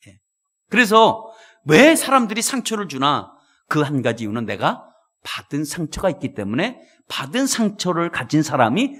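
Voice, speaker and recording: A male pastor preaching a sermon in a church, telling stories with animated delivery and speaking directly to the congregation. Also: on the high side. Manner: animated storytelling, addresses congregation.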